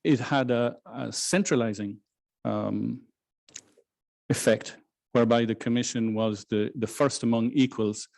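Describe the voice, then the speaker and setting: A man lecturing on law to a hybrid audience, speaking in a measured way with frequent restarts and fillers. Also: fairly low pitch, vocal fry, a little mellow. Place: lecture room in Brussels, hybrid with online audience.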